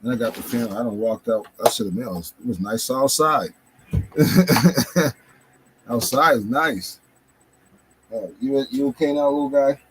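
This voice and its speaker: A man's voice: medium pitch, a little slow, pauses often, fairly bright tone, slight background noise, poor audio. Breathless man rambling in the heat. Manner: rambling, talks to an animal between thoughts. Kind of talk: casual rambling monologue. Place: hot spot near outdoors.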